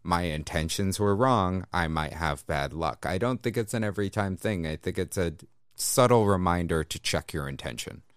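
A man's voice: low voice, animated, moderate pace, clean tone, dry recording, studio quality. A man in a casual chat, asking playful, teasing questions.

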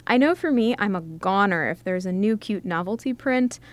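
Lively, chatty woman magazine editor. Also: mid-range voice, moderate pace. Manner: chatty and enthusiastic, laughs often. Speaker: magazine editor, podcast guest. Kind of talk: casual podcast chat.

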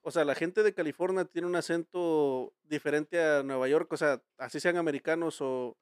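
Slangy Mexican man, fairly high voice. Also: fairly even intonation, normal speed, clean tone, dry recording, clean studio sound. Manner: rambling, slangy storytelling with many restarts. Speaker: podcast host. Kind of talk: casual chat.

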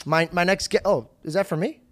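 A young man hosting a podcast in casual chat, animated and swearing as he tells stories. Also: high-pitched, brisk, no echo. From Syrian heritage. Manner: animated, swearing, laughing storyteller. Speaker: podcast host.

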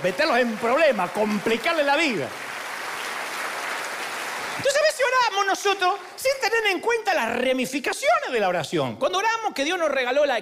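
A man's voice: very high voice, bright, forceful tone. A man preaching a sermon in a humorous, storytelling way, acting out the voices of the people in his stories.

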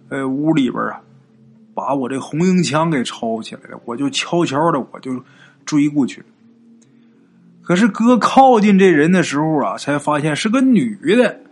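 A man voicing a boastful middle-aged village man who talks in a coarse, folksy way. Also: a little high. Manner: coarse, swaggering folksy talk.

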